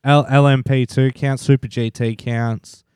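A man's voice: mid-range voice, level tone, unhurried, a little mellow, smooth, no room sound, clean studio sound. A man with an Australian accent co-hosting a podcast, explaining things in an informal, sweary, conversational way. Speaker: podcast co-host. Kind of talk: casual explainer chat.

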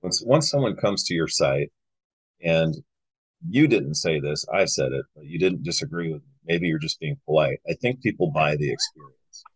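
A man hosting a podcast, telling rambling, animated anecdotes in a casual chat with many fillers. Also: rumbling low, moderate pace, husky, no echo, rough recording. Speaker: podcast host. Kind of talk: casual conversational storytelling.

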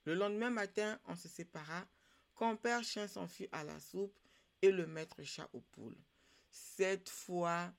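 A woman narrating a traditional folktale in a measured, deliberate way as a podcast host. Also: medium pitch, gravelly.

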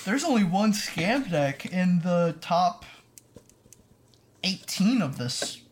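A podcast co-host chatting casually, reading out results in a relaxed way. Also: mid-range voice, takes it slowly. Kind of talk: casual chat.

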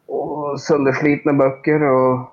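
A man's voice: mid-range voice, little pitch movement, gravelly, highs cut off. A man playing a tabletop game, talking in a hesitant, fretful way. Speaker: player.

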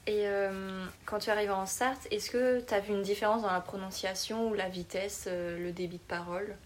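Female interviewer, mid-pitched, conversational, with faint ambient noise behind. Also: fairly even intonation, moderate pace. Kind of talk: casual interview questions.

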